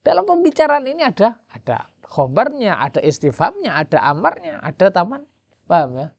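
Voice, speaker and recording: A man's voice: high-pitched, huge pitch swings, moderate pace, vocal fry, husky, no echo, dull audio. Javanese-accented man teaching a kitab lesson. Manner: quizzes listeners with rhetorical questions. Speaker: Islamic jurisprudence teacher. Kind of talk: kitab lesson, reading and translating Arabic.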